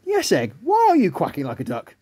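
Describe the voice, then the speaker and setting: A man's voice: a little high, huge pitch swings, a little fast, dark tone, breathy edge, no room sound, studio quality, heavily acted. A man voicing a flustered, formal male schoolteacher made of mashed potato in a children's story. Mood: worried.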